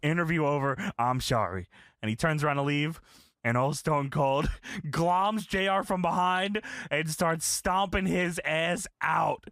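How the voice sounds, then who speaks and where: A man's voice: on the high side, a bit bright, no echo, clean studio sound. A man streaming a game, animatedly recapping a wrestling match with lots of laughter and swearing.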